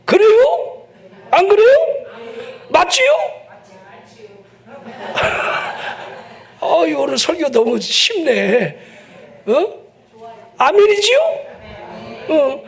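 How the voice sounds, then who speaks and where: High, lively Chungcheong pastor preaching. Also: male voice, very slow, creaky, long pauses. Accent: Chungcheong Korean. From Chungcheong, South Korea. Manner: joking, animated, bursts into shouting. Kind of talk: sermon. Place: church sanctuary.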